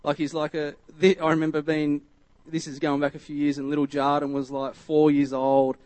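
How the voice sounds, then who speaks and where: A man's voice: on the high side, monotone, moderate pace, a little mellow, no echo. Chatty Australian man preaching casually. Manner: rambling and chatty, full of fillers and restarts. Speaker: church speaker. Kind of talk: casual storytelling sermon.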